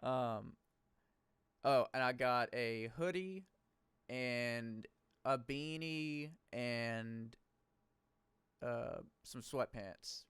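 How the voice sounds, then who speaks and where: A man's voice: medium pitch, very slow, a bit bright, clear, resonant tone, dry recording. A man hosting a podcast in a casual chat, laid-back and swearing freely as he trails off mid-thought. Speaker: podcast host. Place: podcast studio.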